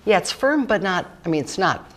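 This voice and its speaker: Low-voiced chatty woman cooking author. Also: very animated, fairly quick. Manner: chatty, rambling, with fillers and jokes. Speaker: cookbook author guest. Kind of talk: casual cooking demonstration chat.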